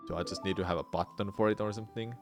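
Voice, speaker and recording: Low-voiced man, speedrunner chatting while playing. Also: steady tone, rapid-fire. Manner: speedrunner talk, offhand half-distracted replies to chat while playing. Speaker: speedrunner streaming live game attempts. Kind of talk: casual speedrun livestream chat. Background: music.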